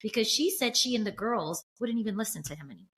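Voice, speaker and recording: A woman's voice: a little high, expressive, fast talker, noisy background. A middle-aged woman co-hosting a podcast, telling a family story in an earnest way. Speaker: podcast co-host. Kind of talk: casual chat.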